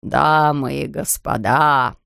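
A woman voicing a pompous older male factory owner in a storybook reading, talking slowly and solemnly. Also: very deep voice, creaky, a bit bright, no room sound, studio quality, pitched below the performer's own voice, full character voice. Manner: slow, solemn.

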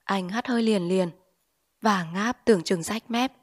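A woman reading a short story aloud as audiobook narrator, with steady, expressive storytelling. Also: medium pitch, unhurried.

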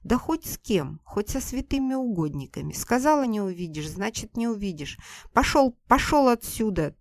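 A woman narrator voicing a fierce, harsh older village mother who scolds loudly and coarsely, in a dry recording. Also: mid-range voice, big pitch swings, moderate pace, no room sound, pitched above the performer's own voice. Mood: furious.

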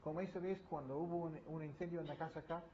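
Man, middle-aged, chatty sermon, slightly high voice, dull recording with faint noise. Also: fairly even intonation, fast talker, mellow. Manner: conversational, acts out little quoted scenes with humor. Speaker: pastor. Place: church.

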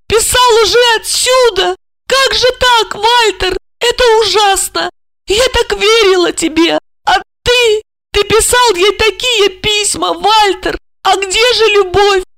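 A woman's voice: very high-pitched, a bit bright, dry recording, pitched above the performer's own voice, heavily acted. A woman voicing a hysterical young wife who screams accusations at her husband in an audiobook.

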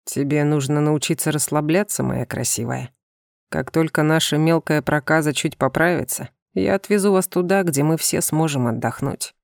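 Brief: a flirtatious alien man with a tail for an audiobook, low gravelly voice, soft and teasing, read by a woman. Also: normal speed, dry recording, studio quality. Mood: tender. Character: playful seductive male alien with a tail.

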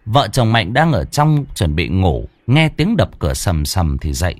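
A man telling a ghost story in dramatic, drawn-out scripted narration. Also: low-pitched, very animated, a little mellow, no room sound.

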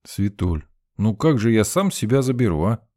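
A man's voice: fairly low pitch, sing-song, moderate pace, dark tone, dry recording, studio quality, pitched above the performer's own voice. A man playing a teasing young male student. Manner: teasing, mock-serious.

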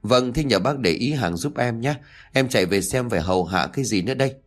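A man voicing a resentful young daughter-in-law who scolds in quick, shrill bursts. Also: lively intonation, lightly acted. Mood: grumbling.

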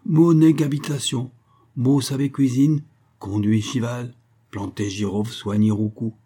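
A man's voice: mid-range voice, steady tone, measured pace, dark tone, husky, pitched above the performer's own voice. A man voicing a kind, humble old male leper in an audiobook, speaking broken creole-style speech with pleading cries. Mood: eager, proud. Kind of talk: audiobook character voice.

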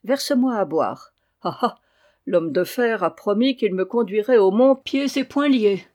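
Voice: mid-range voice, animated, measured pace, darkish tone, lightly acted. A merry, hard-drinking duke who speaks with lordly good cheer, as the reader plays him. The audiobook voice stays close to the narration, only a touch raised. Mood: jovial. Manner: jovial, lordly. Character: merry tipsy medieval duke.

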